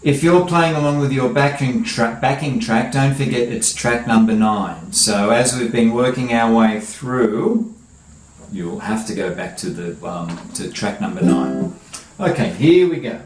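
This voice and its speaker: A man's voice: medium pitch, a little slow, slight background noise. A man teaching a children's guitar lesson, explaining each step patiently. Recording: echoey room, faint guitar music.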